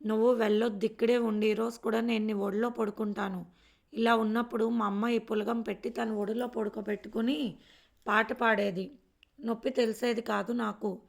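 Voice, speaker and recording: A frightened young bride pleads in a soft, tearful way, as a woman reading a story puts her on. Her pitch stays narrow and even. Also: normal speed, creaky. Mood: pleading.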